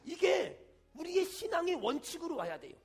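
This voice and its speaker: A man, a senior pastor, preaching a sermon with emphatic call-and-response and shouted peaks. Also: very high-pitched, very animated, normal speed, soft background music.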